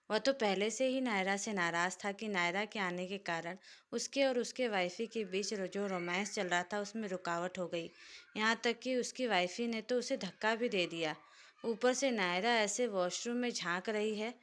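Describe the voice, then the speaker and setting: A woman reading a romantic story aloud in a steady, expressive narration. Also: mid-range voice.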